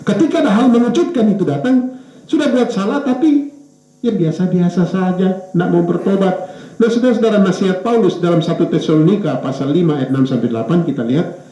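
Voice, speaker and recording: In an echoey church captured with dull lo-fi sound, a man preaches a sermon. He stalls on fillers and corrects himself along the way, letting his pitch lift and drop for emphasis.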